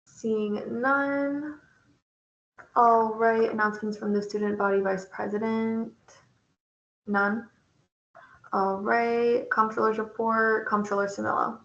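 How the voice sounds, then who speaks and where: A young woman runs a meeting in a brisk, procedural way, calling on each speaker in a flat, even tone. The audio is roomy and dull, like a call recorded over a laptop. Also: fairly high pitch. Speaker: meeting chair.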